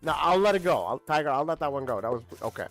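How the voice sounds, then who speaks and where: A man streaming a shooter game, commenting casually and shouting when he gets killed. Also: a little high, fast talker, soft background music. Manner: excitable, yelling at sudden kills. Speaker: livestreaming gamer.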